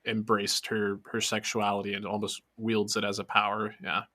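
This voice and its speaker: A man's voice: on the low side, monotone, normal speed, pushed and bright. A man co-hosting a podcast in casual chat, thoughtful and hesitant, with many fillers. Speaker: podcast co-host.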